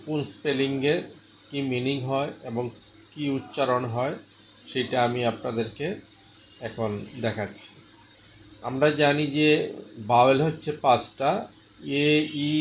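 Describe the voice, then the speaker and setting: A man's voice: mid-range voice, steady tone, a little slow, long pauses, a little hiss or hum, poor audio. A man teaching an English pronunciation lesson, spelling words out letter by letter and repeating them.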